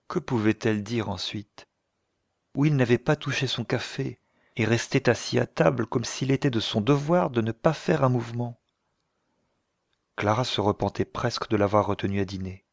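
A man narrating a classic novel in a calm, measured reading. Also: medium pitch, vocal fry, no echo, studio quality. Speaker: audiobook narrator. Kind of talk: scripted narration.

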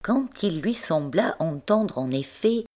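A woman narrating a literary story in a measured, expressive way. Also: lowish voice. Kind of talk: audiobook narration.

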